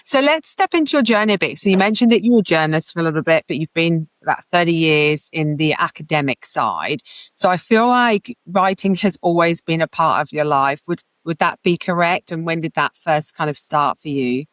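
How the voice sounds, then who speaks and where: A woman's voice: sits low, a little fast, no echo. A woman hosting a podcast interview, upbeat and encouraging, hedging often with "kind of". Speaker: podcast host.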